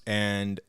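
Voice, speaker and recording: A man's voice: fairly low pitch, a bit bright, clean tone, no echo, clean studio sound. A young man co-hosting a podcast, telling a story in a reflective, hesitant way with many fillers. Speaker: podcast co-host. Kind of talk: casual podcast chat.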